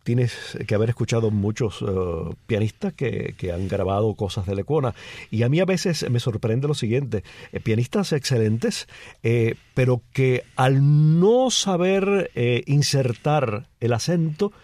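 A man from Cuba interviewing a pianist, asking measured questions with many short affirmations. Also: medium pitch, animated, mellow. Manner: measured questions, frequent backchannels. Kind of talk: conversational interview.

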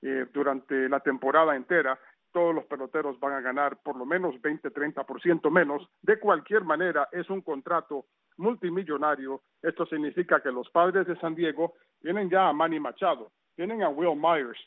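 A man's voice: a little high, normal speed, no room sound. A man reading a radio sports news roundup in a conversational way, with chatty asides. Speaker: sports reporter. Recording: tinny phone-line sound.

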